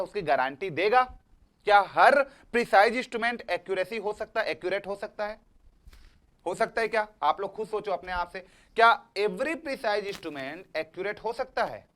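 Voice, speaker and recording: Animated and a bit bright, his high-sitting voice moves at a moderate pace through an exam-prep lesson. He restates points, encourages the class with repeated checks on their understanding, and calls them "beta."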